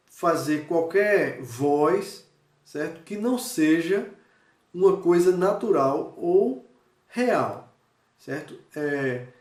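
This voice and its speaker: A male teacher giving a recorded review lesson, speaking straight to his students and checking in often with quick questions. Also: a little high, a little mellow. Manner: talks straight to students, checks in with frequent "certo?" and "né?"; demonstrates with gestures and changes of voice. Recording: echoey room, voice from a distance.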